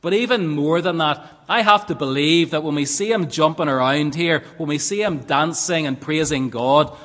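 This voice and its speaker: A fairly high-voiced man delivers an earnest sermon, pressing his points and asking rhetorical questions. The sound has a long, ringing reverb from a large church hall. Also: fairly bright tone. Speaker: preacher.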